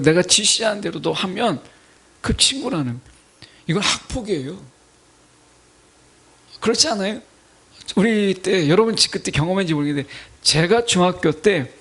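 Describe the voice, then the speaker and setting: Animated, husky-voiced man preaching. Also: a little high. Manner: animated, rhetorical questions to the congregation. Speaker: pastor. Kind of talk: sermon. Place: church sanctuary.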